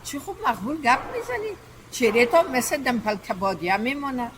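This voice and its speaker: A woman from Afghanistan hosting an interview, effusive and flattering, mixing chat with recited poetry. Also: a little high, background noise. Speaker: interview host. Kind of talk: casual interview.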